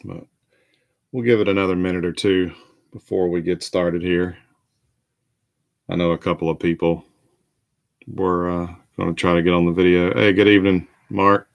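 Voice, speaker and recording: A tired man chats casually as host of a live card break. His voice sits very low. He talks in a rambling, halting way, with plenty of fillers and restarts. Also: little pitch movement, vocal fry. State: tired, yawning. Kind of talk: casual live-stream chat.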